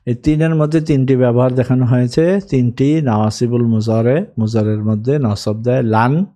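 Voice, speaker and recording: A man's voice: mid-range voice, steady tone, moderate pace, warm tone. A man teaching an Arabic grammar lesson, patiently drilling verb forms one by one.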